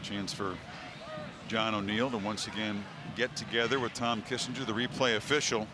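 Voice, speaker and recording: A man's voice: lowish voice, fairly even intonation, moderate pace, background noise. A man calling live football play-by-play as a broadcast announcer.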